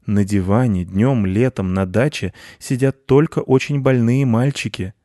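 A man's voice: mid-range voice, measured pace, mellow, no room sound, clean studio sound, pitched above the performer's own voice, lightly acted. A man doing a pompous lazy house cat. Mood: lecturing. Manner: pompous and lecturing. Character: lazy, grandly self-important male house cat.

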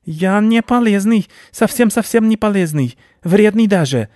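A man's voice: mid-range voice, expressive, normal speed, no room sound, clean studio sound, voice pushed up, natural voice. A man voicing a pompous, vicious male rat baron who talks in broken grammar, for a storybook reading. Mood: pleading. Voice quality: broken grammar, haughty and blustering.

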